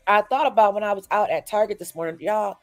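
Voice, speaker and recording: A woman hosting a morning show sounds stuffy from a cold as she chats her way through a casual news recap and checks in with listeners. She talks fast at a medium pitch, with soft music in the background.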